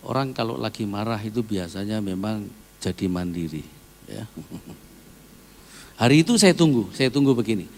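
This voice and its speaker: A man's voice: on the low side, normal speed, creaky, pauses often. A male pastor preaching a conversational sermon, telling stories and tossing tag questions to the congregation. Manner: lively storytelling with tag questions to the audience. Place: church seminar hall. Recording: long hall reverb.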